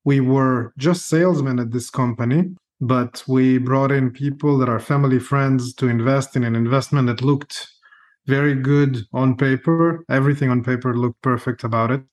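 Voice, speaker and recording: This man, a real estate investor from Israel who was born in Ukraine, tells his story conversationally as a guest on a podcast. He has an Israeli accent and a medium-pitched, slightly mellow voice, with a steady tone at a normal pace.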